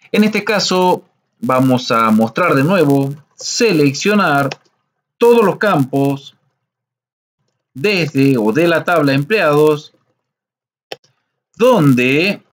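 Man, fairly high voice, unhurried teacher patiently walking through a coding lesson. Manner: patient, slow, explains step by step, frequent "¿sí?" checks.

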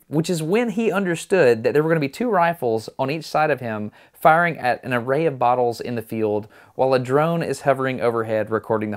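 A man in his thirties hosting casually to camera in a home room on a lapel mic. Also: mid-range voice. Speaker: host. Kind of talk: casual presenter talk to camera.

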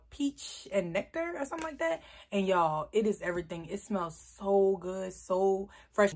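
Chatty husky young woman telling a story. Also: medium pitch. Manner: animated, chatty, addresses viewers as y'all, swears freely. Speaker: vlogger. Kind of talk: casual storytime.

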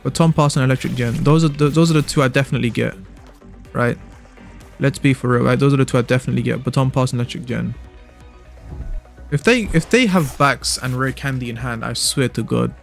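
A man's voice: mid-range voice, a little fast, vocal fry, soft background music. A young man commentating his own online card game, ranting and repeating himself in exasperation. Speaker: gaming content creator.

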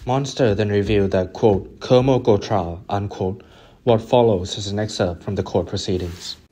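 A man plays a deadpan documentary narrator. The voice is low and dark, reading mock narration with a straight delivery. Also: moderate pace, natural voice. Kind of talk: scripted parody narration.

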